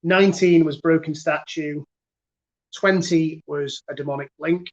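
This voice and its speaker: A man's voice: fairly high pitch, fairly even intonation, measured pace, dull audio. A man with a Northern English accent hosting a casual online quiz, chatty and self-mocking, with lots of fillers. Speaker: quiz host.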